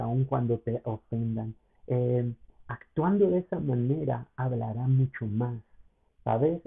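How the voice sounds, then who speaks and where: Husky, gravelly pastor, tinny sound. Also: male voice, mid-range voice. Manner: earnest, personal, with addresses to the listener. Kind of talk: sermon podcast talk.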